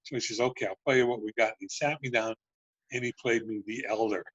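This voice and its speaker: A man's voice: medium pitch, fast, husky, no echo. An older man, a guest on a talk show, telling stories from his music industry days, swearing freely and acting out what others said in raised voices. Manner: animated storyteller who swears and acts out quotes in a raised voice. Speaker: talk show guest, former band promotions manager. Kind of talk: casual storytelling chat. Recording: dull lo-fi dry sound.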